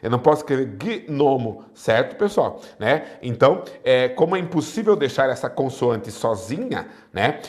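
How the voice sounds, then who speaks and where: A man's voice: medium pitch, very animated, normal speed, few pauses, a little mellow. A man with a Brazilian Portuguese accent teaching an exam prep lesson, who keeps checking in with his students and spells out examples syllable by syllable. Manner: checks in often with the class. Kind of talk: recorded online lesson.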